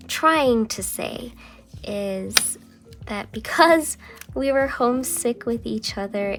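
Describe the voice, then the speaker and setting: Speaking at medium pitch, a young woman journals and chats casually, wandering through her thoughts with many fillers and occasionally slipping into a soft half-whisper. A lingering cold leaves her a little phlegmy. She's a journaling vlogger.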